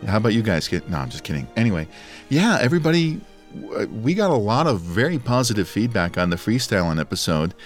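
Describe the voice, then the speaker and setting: A man co-hosts a podcast in casual, playful chat, joking and laughing often. His fairly low voice is sing-song and quick, scratchy and dry from allergies, with soft music in the background.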